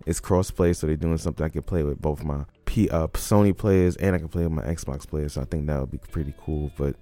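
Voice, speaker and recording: A man with a very low, dark voice hosts a casual gaming podcast while fighting a cold, so he sounds a little stuffy. He rambles in a relaxed way, restarting sentences and chuckling as he goes. Faint music plays underneath. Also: brisk. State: congested from a cold. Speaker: podcast host.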